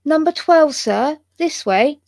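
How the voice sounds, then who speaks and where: A courteous young inn maid with an attempted West Country accent, soft-spoken and deferential, as a woman reader puts her on. The voice is lifted well above the reader's own, with a dry, close sound. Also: high-pitched, animated, takes it slowly, vocal fry, dry recording, voice pushed up, full character voice. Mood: polite. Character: young female inn maid, polite and quiet.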